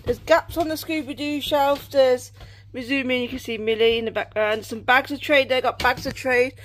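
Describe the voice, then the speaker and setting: A woman's voice: high voice, fairly even intonation, moderate pace, a little hiss or hum. A young British woman co-hosting a casual collection vlog at home, chatty and rambling, often correcting herself. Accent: British English. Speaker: channel co-host. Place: home room with game shelves.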